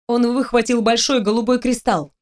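A woman with a slightly high voice narrates a fantasy novel in the first person, reading it as an audiobook. Her storytelling is expressive and steady, drawing the listener through the scene. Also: moderate pace. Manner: expressive storytelling, with the heroine's lines read in her own voice.

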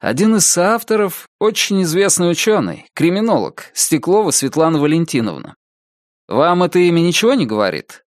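A calm, noncommittal policeman, as a man reads him. He speaks in a measured way with lively intonation. The recording is dry and close. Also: a little high, no echo, pitched above the performer's own voice. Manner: measured, evasive. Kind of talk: audiobook character voice.

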